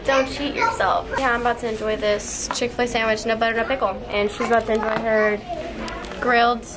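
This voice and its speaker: Young female fitness vlogger, chatty and playful, rather high voice, noisy phone recording. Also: level tone, fast talker. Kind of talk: casual vlog chat. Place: on the move: home, gym, restaurant, warehouse.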